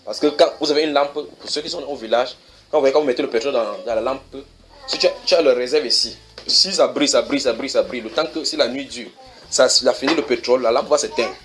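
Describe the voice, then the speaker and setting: A man preaching in a church, reading scripture verses slowly and then explaining them, often asking his listeners whether they follow. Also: mid-range voice, fairly bright tone. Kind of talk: sermon teaching.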